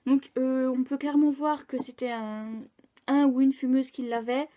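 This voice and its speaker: A woman's voice: high voice, steady tone, moderate pace, phone-quality sound. A young woman chatting casually in a book vlog, rambling with fillers and restarts. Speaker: book vlogger. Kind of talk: casual chat.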